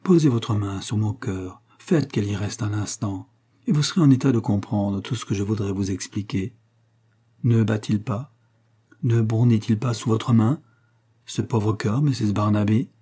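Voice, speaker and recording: An unctuous young preacher from a storybook reading, fervent and soft-spoken. A man reads him in a low, mellow, husky voice. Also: moderate pace. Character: smooth-talking young male preacher in prison. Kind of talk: audiobook character reading.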